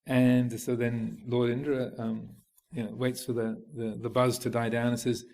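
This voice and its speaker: Calm male monk giving a Buddhist teaching. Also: medium pitch. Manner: unhurried, hesitant, many fillers and restarts while storytelling. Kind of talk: reflective Buddhist teaching narration.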